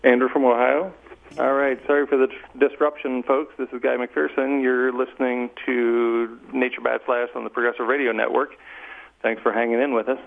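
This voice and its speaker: Guy hosting a radio call-in, gravelly voice, sounds like a phone line. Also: medium pitch, level tone, normal speed. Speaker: radio host.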